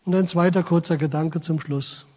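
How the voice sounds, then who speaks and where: The preacher's voice is fairly high and mellow, with fairly even intonation and a normal speaking speed. He addresses his congregation directly and reads scripture dramatically, his voice carried by a long reverb tail.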